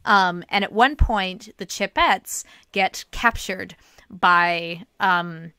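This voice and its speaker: A woman hosting a podcast, telling rambling animated stories in casual chat. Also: mid-range voice, takes it slowly, smooth, no room sound, clean studio sound. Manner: animated, rambling storyteller, breaks into singing. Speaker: podcast host.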